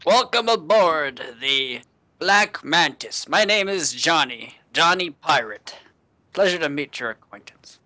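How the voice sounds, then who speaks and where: A man's voice: on the high side, animated, measured pace, bright, forceful tone. A man voicing a cheerful male boatman who plays at being a pirate, with a faked swashbuckling pirate accent. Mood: welcoming.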